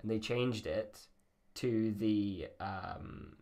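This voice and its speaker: Speaking very slowly with a lowish pitch and a darkish tone, a man hosts a podcast as casual chat, rambling and poking fun at himself; his voice comes across as slightly feminine.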